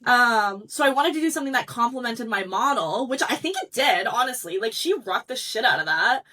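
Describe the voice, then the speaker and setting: A young woman designer, a guest on an interview show, telling stories in a bubbly, animated way and acting out what people said. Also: a little high, fairly quick, distant mic. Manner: bubbly, animated storytelling, acts out quotes. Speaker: eliminated fashion designer guest. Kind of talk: casual interview chat.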